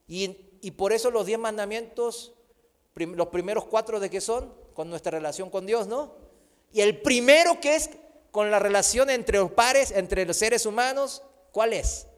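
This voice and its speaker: Brief: middle-aged male pastor, emphatic sermon with humor, high voice, reverberant hall. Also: measured pace, pauses often. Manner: emphatic, with humorous personal anecdotes.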